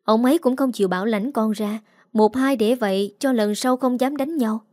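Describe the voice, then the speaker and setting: Brief: woman reading as a scolding forties stepmother, scornful, nagging, slightly raised pitch, dry read. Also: normal speed, mellow, no echo, lightly acted. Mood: complaining. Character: scolding middle-aged stepmother, sharp-tongued.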